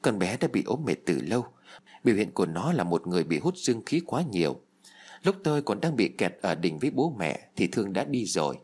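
A man's voice: on the low side, a little mellow, slightly rough. A man reading a first-person novel aloud as an audiobook narrator, telling it expressively. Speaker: audiobook reader.

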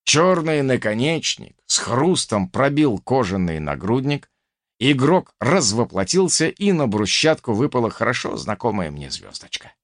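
A man's voice: medium pitch, sing-song, unhurried, no echo, clean studio sound. Man reading a fantasy audiobook. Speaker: audiobook narrator. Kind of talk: first-person audiobook narration.

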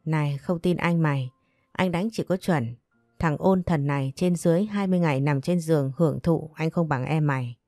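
Brief: a mocking, protective older brother, voiced by a woman narrator, deep and dry. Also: moderate pace, mellow, dry recording, soft background music. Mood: scornful. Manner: taunting, scolding.

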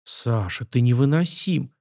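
A man's voice: mid-range voice, animated, fairly quick, a little mellow, no echo, clean studio sound. A man voicing a playful teasing woman. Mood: pleading.

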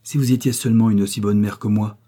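A man's voice: on the low side, moderate pace, husky. A man voicing a young mother who speaks firmly and with cold disdain. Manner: gentle turning stern. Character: young mother, gentle but firm.

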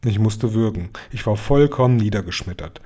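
A man reading a children's book aloud in a calm storytelling voice. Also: lowish voice, normal speed. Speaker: reader.

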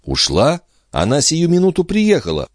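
A man's voice: a little high, huge pitch swings, normal speed, dry recording, clean studio sound, voice pushed up. Man as an earnest young brother.

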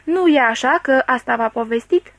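Woman voicing a smooth, persuasive doctor. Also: high-pitched, dry recording, dull audio. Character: calm, cunning older male doctor calming a crowd.

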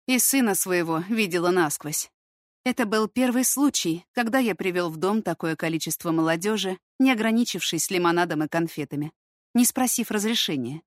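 A woman narrating a first-person story in a measured, steady reading voice. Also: lowish voice, dry recording, clean studio sound. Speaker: audiobook reader.

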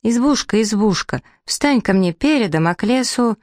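A woman voicing a timid little prince, a boy too young for school, in a high squeaky pleading voice. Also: animated, moderate pace, no room sound, studio quality, close to an everyday voice. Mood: excited.

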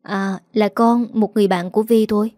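A woman's voice: medium pitch, fairly even intonation, brisk, warm tone, no echo, studio quality, natural voice. A woman reading the lines of a kind, protective middle-aged mother in an audiobook story. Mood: tender.

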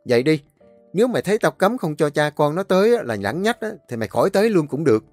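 A man's voice: fairly high pitch, sing-song, brisk, darkish tone, dry recording, pitched above the performer's own voice. A harsh older brother who scolds with scorn in a raised, heated voice, as a male narrator plays him. The comes through, and the audio is dry with faint music. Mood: scornful.

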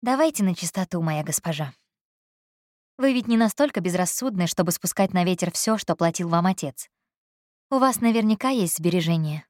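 A woman reading an audiobook, voicing a composed young woman financier who speaks evenly, softly and with quiet irony. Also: fairly low pitch, dry recording, clean studio sound, lightly acted. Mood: calm. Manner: even, soft and unhurried.

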